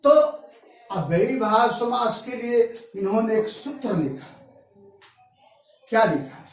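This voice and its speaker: High-voiced teacher in echoey classroom. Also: male voice, lively intonation. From Bihar, India. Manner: repeats key terms slowly, asks and answers his own questions. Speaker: Sanskrit grammar teacher. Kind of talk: classroom lecture. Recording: very echoey room from far off, faint music.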